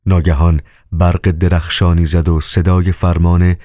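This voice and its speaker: Low dark-voiced guy reading an audiobook, slow and solemn, dry sound. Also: flat delivery, no echo. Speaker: audiobook narrator. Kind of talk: scripted novel narration.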